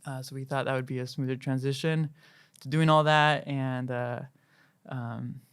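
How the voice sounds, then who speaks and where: A man in his thirties, from Chile and a native Spanish speaker, recalls his life in a casual podcast interview. He talks in a relaxed, halting way full of fillers, his voice smooth and clear but held to a narrow, even pitch. The recording is close and dry. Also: no echo. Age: 30s. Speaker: worship director, podcast guest.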